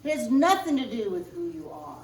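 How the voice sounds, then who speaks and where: A woman minister preaching a sermon, speaking in slow, emphatic spiritual affirmations, recorded in a church sanctuary. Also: high-pitched, sing-song, gravelly. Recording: roomy distant church recording.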